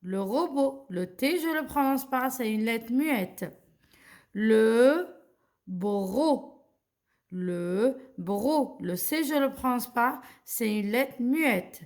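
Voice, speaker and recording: A young woman with an Algerian accent teaching children to read, spelling words out slowly and carefully and checking in with them often. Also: high-pitched, expressive. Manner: slow, carefully spelled-out pronunciation with friendly check-ins. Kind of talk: children's reading lesson.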